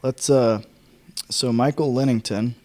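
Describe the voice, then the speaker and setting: A man's voice: mid-range voice, steady tone, measured pace, dark tone. A young man hosting a casual fireside book chat, tired and rambling, swearing freely with sighs and yawns. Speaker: podcast host.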